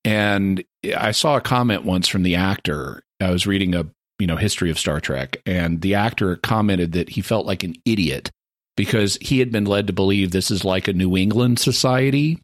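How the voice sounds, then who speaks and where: Lowish-voiced man explaining at length. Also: normal speed, no echo, clean studio sound. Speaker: podcast co-host. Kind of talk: casual discussion.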